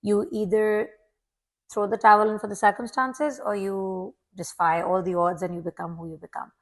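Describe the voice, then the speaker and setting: Guesting in a casual interview, a Pakistani woman in her forties who has long worked as a teacher reflects earnestly, often repeating a word at the start of a thought. She speaks at normal speed with a medium pitch and level tone.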